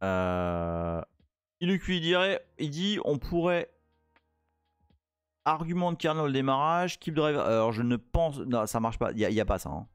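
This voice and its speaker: Excitable French man streaming live code. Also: medium pitch, measured pace, clear, resonant tone, no echo, clean studio sound, soft background music. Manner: playful, excitable, reads chat aloud. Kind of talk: casual live-coding stream chat.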